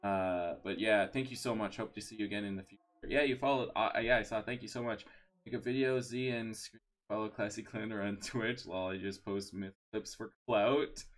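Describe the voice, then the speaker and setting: A man's voice: lowish voice, fairly even intonation, moderate pace. A man streaming live, chatting casually and thanking viewers, rambling with many fillers and restarts.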